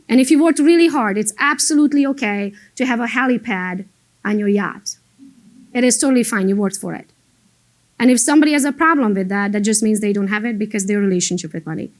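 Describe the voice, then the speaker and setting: This motivational business coach speaks to a group in a voice a little on the high side. English is not her first language; she emigrated to the United States from abroad as an adult. She tells her stories in a blunt, emphatic, conversational manner, including mild swearing.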